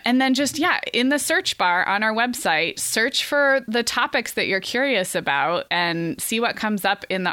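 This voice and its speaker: A woman's voice: medium pitch, sharp tone, no echo, studio quality. A woman in her thirties hosting a podcast in casual chat, talking freely with frequent ums and restarts. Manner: chatty, many ums and restarts. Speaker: podcast host.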